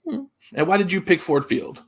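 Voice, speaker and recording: A man with a slightly higher voice co-hosts a casual sports chat. He delivers dry, joking asides in an easy conversational tone. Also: very animated, moderate pace, husky. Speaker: podcast co-host.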